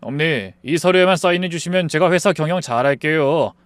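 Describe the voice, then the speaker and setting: A man doing a smooth scheming eldest son. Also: a little high, fairly quick, no echo, close to an everyday voice. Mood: ingratiating.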